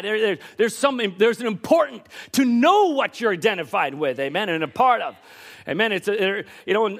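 A man preaching a sermon in a church service, emphatic, shifting between quick asides and bursts of raised voice. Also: high voice, a bit bright. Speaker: pastor.

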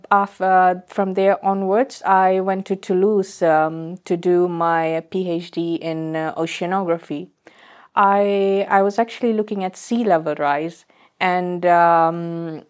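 Soft-pitched woman, measured tone. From Fiji. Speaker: guest, postdoctoral climate researcher. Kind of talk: conversational interview. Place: podcast booth at a festival.

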